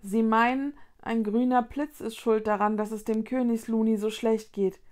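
A woman's voice: fairly high pitch, fairly even intonation, moderate pace, a little mellow, slight background noise, natural voice. A woman reading a children's storybook aloud, voicing an impulsive young witch girl with emphatic, agitated questions. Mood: insistent.

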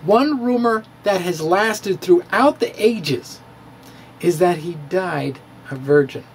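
A middle-aged physics blogger reads his own blog aloud at home into a studio mic, performing it theatrically and playfully with pauses and dips. His high voice is animated, and there's a little hiss or hum on the track.

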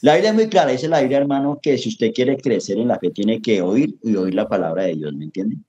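A middle-aged man with a Colombian accent tells his story as an interview guest, earnest and a little preachy. His voice sits at an ordinary pitch, and the sound is a touch dull. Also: expressive, fairly quick, dark tone. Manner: earnest, preachy, calls the host papi and hermano. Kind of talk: emotional testimony in casual chat.

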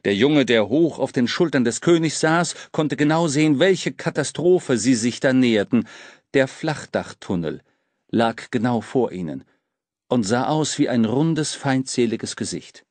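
Male audiobook narrator, animated, expressive delivery, dry close-mic studio recording. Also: medium pitch, measured pace, no room sound. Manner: lively, dramatic storytelling. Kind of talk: scripted narration.

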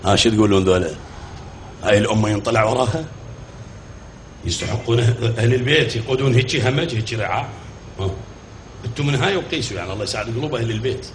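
A man's voice: medium pitch, racing, pauses often. A man preaching a mourning sermon with an Iraqi accent, telling a story dramatically and acting out its dialogue with grieving cries. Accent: Iraqi Arabic. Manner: dramatic, quotes dialogue in shifting voices, grieving exclamations. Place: mourning hall. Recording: echoey hall, faint noise.

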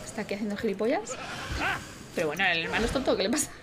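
A woman's voice: medium pitch, sing-song, racing, over a noisy crowd. Chatty young woman streaming a game. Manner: chatty, laughing, swearing asides to viewers. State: tired. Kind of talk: casual gameplay commentary.

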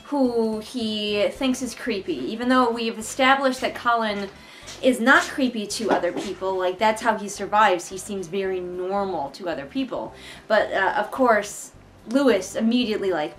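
Here a young woman reviews a book in a casual read-along from an indoor living room couch, positioned a short distance from the camera. Her medium-pitched, slightly bright voice moves at a moderate pace, and her tone is exasperated, sarcastic and a bit sweary. The rough recording carries some hiss or hum.

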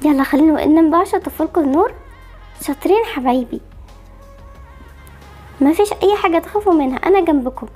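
A woman's voice: high-pitched, expressive, quick pace, long pauses, warm tone, soft background music. A woman voicing Barbie, an anxious, protective young mother with an Egyptian accent, fretful and soothing in an amateur game movie. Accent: Egyptian Arabic.

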